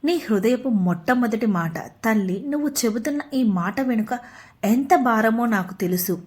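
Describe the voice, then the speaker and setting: A woman narrating a devotional message in a slow, tender, consoling way. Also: mid-range voice, darkish tone.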